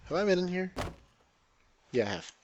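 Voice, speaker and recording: A man's voice: high-pitched, very animated, moderate pace, highs cut off, slight background noise. A man hosting a let's play, giving casual gameplay commentary in a joking, rambling, irreverent way.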